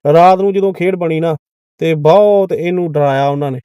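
A man's voice: on the high side, moderate pace, warm tone, clean tone, dry recording, dull audio. A man retelling a devotional testimony to his listeners. He keeps calling them "Khalsa ji" and repeats phrases for emphasis. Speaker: Sikh devotional storyteller.

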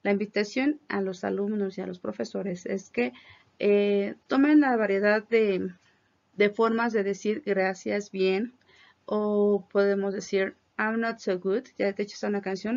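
A woman teaches English greetings and explains their pronunciation clearly, modeling each phrase slowly. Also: medium pitch, fairly even intonation, darkish tone. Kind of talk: classroom pronunciation lesson. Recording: dull lo-fi recording.

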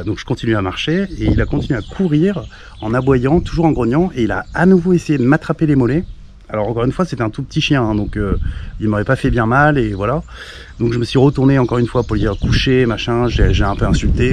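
A young man chats to his camera outdoors on a walking trip, in a mid-pitched voice. He rambles, restarts and swears casually. Faint outdoor ambience sits behind him. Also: darkish tone, a little hiss or hum. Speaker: pilgrim vlogger. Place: outdoors on country roads and village streets.

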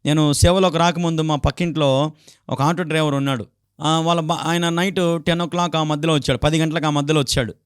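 A man's voice: on the high side, steady tone, fast talker, clear, resonant tone, no room sound, studio quality. A male pastor with a Telugu accent preaching a sermon, who acts out quarrels in raised voices and often calls out hallelujah. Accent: Telugu, Andhra Pradesh. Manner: fervent exclamations of hallelujah.

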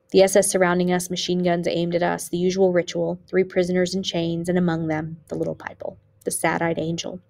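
A woman teacher narrating an audiobook in a steady, measured reading voice. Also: lowish voice, gravelly. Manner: steady, measured reading with occasional small slips.

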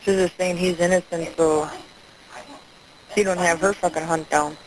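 A woman's voice: on the low side, fairly even intonation, moderate pace. Blunt woman heard over the phone. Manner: blunt, swears freely. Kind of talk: casual phone call. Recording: noisy phone call recording.

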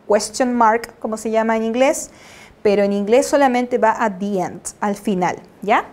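A woman's voice: sits high, a little mellow. A woman teaching an English lesson, patiently checking understanding and spelling out examples before translating them. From Chile. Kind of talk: slide-based classroom lesson.

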